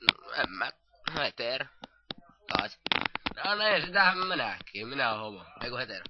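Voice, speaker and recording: A man in improvised amateur comedy, rowdy and mocking, who often shouts crude insults. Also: medium pitch, big pitch swings, highs cut off, very noisy.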